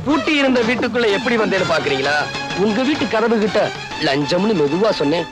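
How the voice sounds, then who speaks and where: A man's voice: sits high, expressive, a little fast, over loud music. An actor playing a vengeful villain who taunts and threatens his enemy. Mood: menacing, gloating. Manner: menacing, taunting. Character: vengeful, gloating male villain.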